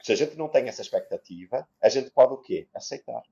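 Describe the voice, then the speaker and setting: Male co-host, warm low voice, reflective, lo-fi sound. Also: expressive, fairly quick, gravelly. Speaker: podcast co-host. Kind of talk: casual chat, explaining. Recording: slightly muffled lo-fi sound.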